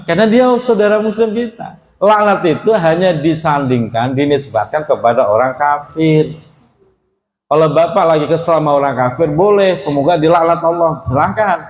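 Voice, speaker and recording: A man's voice: on the high side, roomy sound. Man giving an Islamic study lecture. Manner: conversational, addresses audience as Pak; reads Arabic phrases slowly, then explains them. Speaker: Quran study teacher.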